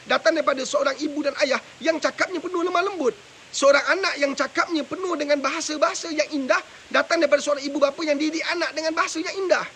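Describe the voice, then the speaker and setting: A madrasah religious teacher gives parenting advice on a live stream, his very high-pitched voice pushed and bright over faint mic hiss. He's preachy, forever asking his listeners rhetorical questions about whether they understand.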